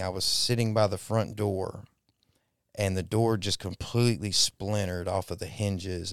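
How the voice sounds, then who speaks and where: A man in his thirties shares his testimony in a lowish, smooth and resonant voice. He talks haltingly, pausing often and reaching for words. The sound is close and dry, with no room around it. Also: no room sound. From Texas, raised in Mississippi. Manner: halting and reflective, many pauses and fillers. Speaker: guest. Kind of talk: personal testimony interview.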